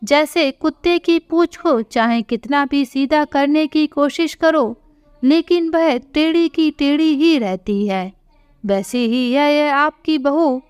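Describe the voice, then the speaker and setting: A furious grown son hurls harsh rebukes at his wife in a storybook reading, as a woman puts him on. The voice stays high and unhurried. It sounds close and dry. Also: a little mellow, no echo. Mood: angry. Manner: harsh, scolding. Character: angry grown son defending his mother.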